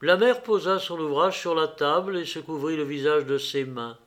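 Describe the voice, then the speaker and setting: A man narrating a classic story as an audiobook in a measured, expressive way. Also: a little high.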